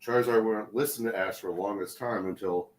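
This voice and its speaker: A man's voice: lowish voice, steady tone, a little fast. A man chatting casually as a co-host on a livestream. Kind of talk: casual chat about pop culture. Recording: echoey room with faint noise.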